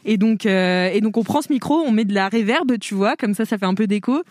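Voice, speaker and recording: A woman's voice: mid-range voice, fairly quick, darkish tone, no echo, clean studio sound. A woman in her forties co-hosting a podcast, telling stories in slangy casual chat and laughing often. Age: 40s. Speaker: podcast co-host.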